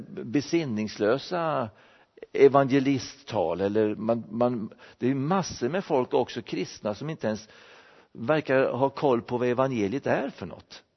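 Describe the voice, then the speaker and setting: A man giving an explanatory Bible-teaching sermon, restarting phrases as he thinks. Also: mid-range voice. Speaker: preacher. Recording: dull recording in a reverberant hall.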